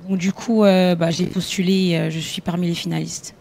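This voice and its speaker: A woman's voice: lowish voice, flat delivery, moderate pace, creaky, a little mellow. A woman from Kinshasa and Brazzaville, a dancer and choreographer, speaking in a friendly interview. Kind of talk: casual interview. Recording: faint background noise.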